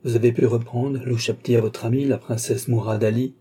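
A man's voice: mid-range voice, level tone, mellow, a little hiss or hum, close to an everyday voice. A man voicing a cool, precise middle-aged detective who spaces out his syllables, in a read-aloud story. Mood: calm command. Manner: clipped, measured, punctuating syllables.

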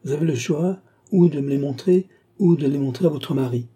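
A man's voice: mid-range voice, warm tone, husky, close to an everyday voice. A man voicing a cool, precise middle-aged detective who spaces out his syllables, in a read-aloud story. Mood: icy. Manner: clipped, measured, punctuating syllables.

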